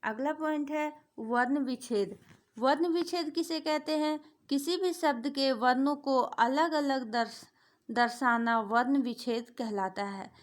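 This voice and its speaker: A woman's voice: high-pitched, measured pace. A woman teaching an exam-prep grammar lesson, asking questions and answering them herself, repeating key points. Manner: repetitive, asks and answers her own questions.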